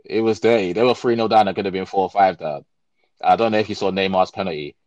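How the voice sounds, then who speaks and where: A man talking football with friends on a casual podcast, excitable and jokey, acting out quotes loudly. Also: deep voice, quick pace, no room sound, dull audio. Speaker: podcast co-host.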